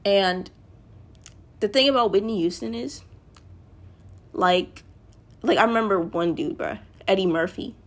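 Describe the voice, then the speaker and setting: A woman's voice: mid-range voice, a little slow, long pauses. Rambling woman chatting to her listeners. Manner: rambling, self-correcting, often addresses listeners directly. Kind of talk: casual monologue to listeners.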